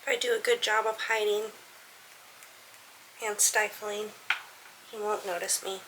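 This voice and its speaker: A woman playing a nervous young woman in hiding, talking to herself in hushed, partly whispered asides in an amateur cosplay role-play. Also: medium pitch, fairly even intonation, measured pace, lightly acted. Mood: anxious, furtive. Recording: clearly noisy amateur recording.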